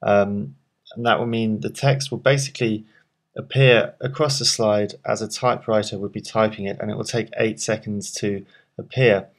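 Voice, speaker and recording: Guy with a lowish voice doing a calm screen tutorial, lots of ums, talks you through each click. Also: moderate pace. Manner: calm step-by-step explaining with frequent ums. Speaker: software tutorial presenter. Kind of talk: screen-recorded software walkthrough.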